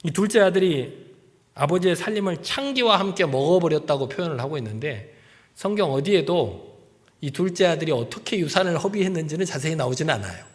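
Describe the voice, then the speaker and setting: Lively high-voiced pastor preaching. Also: male voice, a little fast. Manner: animated preaching, acts out quoted voices, drops to soft near-whispers. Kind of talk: sermon. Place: church sanctuary. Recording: church hall with long reverb.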